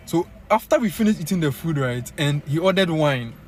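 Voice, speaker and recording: A young Ghanaian man with a Ghanaian accent, telling a story to his viewers in an animated, casual way full of fillers. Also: fairly high pitch, fairly quick, a little hiss or hum. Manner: animated, many fillers, addresses viewers as guys. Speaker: vlogger.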